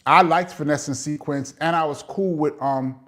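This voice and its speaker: A middle-aged man with a New York accent talks casually through a live chat, reading viewer comments aloud. His voice sits a little high for a man. He talks chattily, with plenty of "um"s and laughs along the way. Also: moderate pace, fairly bright tone. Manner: chatty, laughs often, lots of "um" fillers.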